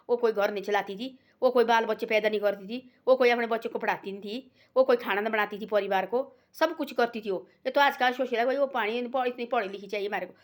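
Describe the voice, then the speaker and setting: A woman telling a moral story in a homely, rambling way, constantly repeating filler words. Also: on the high side. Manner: homely, folksy and unpolished. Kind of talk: casual spoken moral story.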